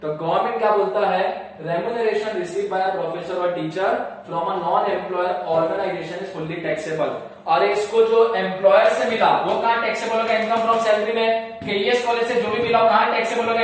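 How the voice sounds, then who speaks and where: A man teaching a class, asking quick questions and answering them himself and repeating the key points. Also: high voice. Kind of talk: classroom lecture. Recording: echoey room, mic far off.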